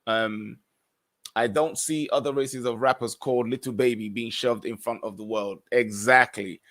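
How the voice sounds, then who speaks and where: A man with a mid-pitched voice hosts a live podcast. He reads out comments from viewers and responds with his own commentary. His manner is earnest and opinionated, with some stumbling restarts as he reads. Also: fairly bright tone. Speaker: podcast host.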